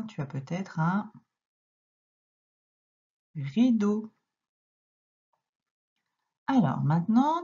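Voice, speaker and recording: Slow, patient woman teaching children to read. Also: lowish voice, warm tone, slightly rough, dull audio. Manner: slow, patient, sounding out letters and syllables. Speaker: primary school teacher. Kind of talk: recorded reading lesson for young children.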